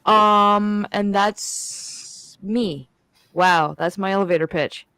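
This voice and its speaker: A woman's voice: medium pitch, slow, sharp tone, clean tone, no room sound. A Canadian woman who does theater, introducing herself as a player, giggly and self-mocking. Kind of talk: casual introduction on a stream.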